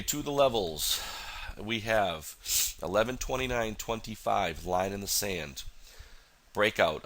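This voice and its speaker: Low-voiced man with a stuffy nose. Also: creaky, a bit bright. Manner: rambling, many fillers and restarts. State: has a cold, nasal voice. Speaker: futures trader. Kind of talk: casual market analysis walkthrough.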